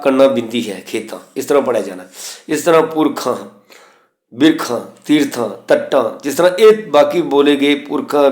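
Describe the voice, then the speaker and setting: A man teaching the pronunciation of scripture, reciting verses slowly and spelling out letters and vowel signs methodically. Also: mid-range voice, roomy sound. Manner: slow chanted recitation of verses between explanations. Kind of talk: recorded lesson on scripture pronunciation.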